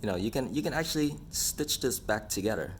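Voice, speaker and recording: Low-pitched man giving a casual explanation. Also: expressive, a little fast, a little hiss or hum. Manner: conversational, hesitant, checks in with "right?". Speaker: dental professional explaining to patients.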